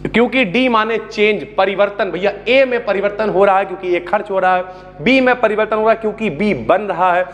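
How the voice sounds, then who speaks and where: High-voiced chatty chemistry teacher. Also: male voice, a little fast, a bit bright. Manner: chatty, calls students brother, asks and answers own questions. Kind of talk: classroom lecture. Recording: long hall reverb.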